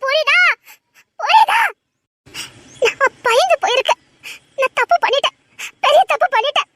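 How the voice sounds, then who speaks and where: A woman's voice: very high voice, a bit bright, dry recording, studio quality. A woman voicing a desperate young woman who tearfully and insistently begs her lover to marry her, in an audio drama. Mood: pleading. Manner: pleading, tearful, insistent repetition.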